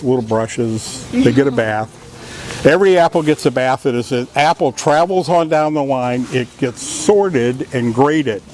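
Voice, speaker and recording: A man's voice: mid-range voice, noisy background. A man in his sixties giving a playful tour talk to children in a warehouse, asking questions and joking as he goes. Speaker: orchard tour guide. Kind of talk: educational field-trip tour talk to children. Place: large indoor orchard packing warehouse. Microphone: camera a few feet away. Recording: busy warehouse with group chatter.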